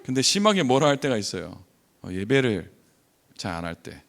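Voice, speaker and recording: A middle-aged man preaches to his congregation. His voice sounds gruff and a little angry by nature. He swings his pitch widely as he tells stories and asks the room questions. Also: moderate pace. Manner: animated storytelling, rhetorical questions to the congregation. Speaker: missionary preacher. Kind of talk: conversational sermon. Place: church sanctuary.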